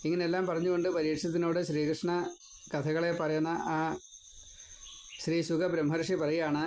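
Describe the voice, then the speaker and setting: A man giving a devotional scripture discourse, retelling and explaining the story in a measured, storytelling manner. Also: a little high, darkish tone, a little hiss or hum, rough recording. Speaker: scripture teacher.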